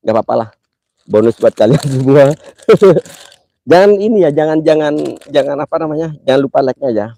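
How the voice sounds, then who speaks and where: A man's voice: on the high side, a little fast, pauses often, warm tone. A man hosting a live mystery-hunt stream outdoors in a cemetery at night. He talks in a playful, teasing, jokingly affectionate way, and his nose sounds stuffy from a cold. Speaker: livestream host.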